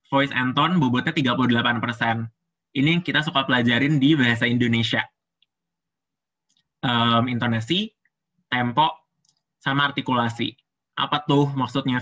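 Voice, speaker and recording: Bright-voiced man teaching public speaking. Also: medium pitch. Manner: chatty, explains step by step with frequent fillers. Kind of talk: casual explanatory lesson.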